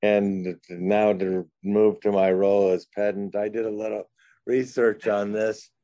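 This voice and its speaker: A man with a low, mellow voice speaks up in a meeting, playful and pedantic, often restarting his sentences. The sound is dry and close. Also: flat delivery, measured pace, no room sound. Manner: playful, pedantic, stumbling starts. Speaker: board member asking questions. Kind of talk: meeting discussion.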